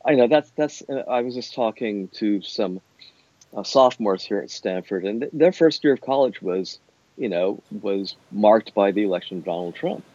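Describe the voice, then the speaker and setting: Low, mellow male academic in an echoey room. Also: lively intonation, moderate pace. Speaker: university academic being interviewed. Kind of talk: thoughtful conversational interview. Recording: dull, roomy, echoey sound.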